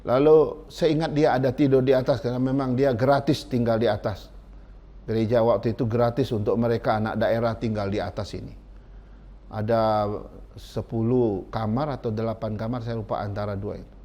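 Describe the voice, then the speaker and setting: A man's voice: mid-range voice, fairly even intonation, normal speed, mellow. A male pastor preaching a sermon in a church, telling stories dramatically and addressing the congregation directly. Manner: dramatic storytelling, addresses listeners as brothers and sisters.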